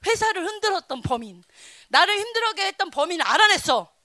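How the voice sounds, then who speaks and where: A woman in her thirties preaching a children's sermon in a church, telling stories with sudden swings between loud and soft. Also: extremely high pitch, sing-song, quick pace, dry recording.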